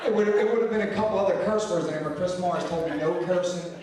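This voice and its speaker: A man's voice: high-pitched, fast talker, noisy background. A man giving a rambling, self-deprecating roast speech, often restarting his sentences. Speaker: roast speaker. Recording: roomy hall mic from a distance.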